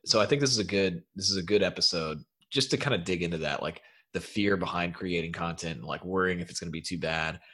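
A man's voice: deep voice, fast talker, hardly any pauses. A man co-hosting a casual podcast, tired, laughing easily as he talks. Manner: laughs easily, relaxed storytelling. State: tired, no coffee yet. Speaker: podcast co-host.

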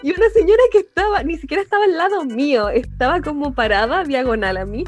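Animated high-voiced Chilean woman. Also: quick pace, soft background music. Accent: Chilean Spanish. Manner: animated storyteller, laughs often, acts out quotes. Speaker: podcast co-host. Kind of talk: casual chat.

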